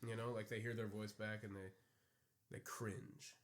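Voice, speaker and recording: A young man co-hosts a casual podcast into a podcast microphone, rambling, cracking crude jokes and laughing often. His voice is lowish with little pitch movement, at a moderate pace.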